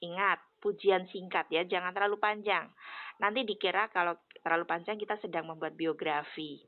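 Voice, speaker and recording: A woman teaching a spoken lesson on English phrases, explaining clearly and modelling stressed phrases. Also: lowish voice, steady tone, normal speed, no room sound. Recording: dry, tinny phone-like sound.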